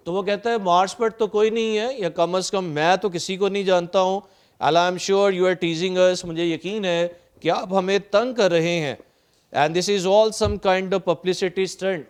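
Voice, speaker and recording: A male English teacher, reading play dialogue slowly and paraphrasing it in Urdu, then listing synonyms methodically. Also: high voice, clean tone. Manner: lists synonyms in a steady, methodical drone. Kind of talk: recorded lecture explaining a play line by line.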